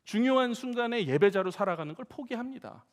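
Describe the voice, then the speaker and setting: A man preaching a sermon as pastor, telling humorous stories in a lively way and often addressing the congregation directly. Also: very high-pitched, quick pace. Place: church sanctuary. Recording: long church hall reverb.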